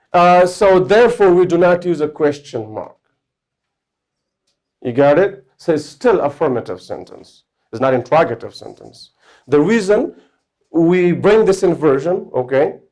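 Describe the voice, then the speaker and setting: A man's voice: fairly high pitch, darkish tone. A man teaching English grammar to a class of students. He explains step by step and keeps checking whether they understand.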